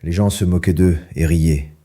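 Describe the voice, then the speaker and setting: Warm-voiced French storybook narrator. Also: male voice, moderate pace, husky. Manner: lively, acts out each character with raised pitch. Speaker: audiobook narrator.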